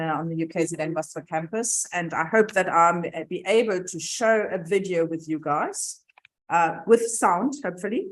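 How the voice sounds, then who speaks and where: Battling screen-sharing problems, a mid-range-voiced woman gives an informal talk introducing a university science centre, laughing and repeating herself in a lecture hall. The audio is poor, captured by a room microphone that she sometimes drifts away from.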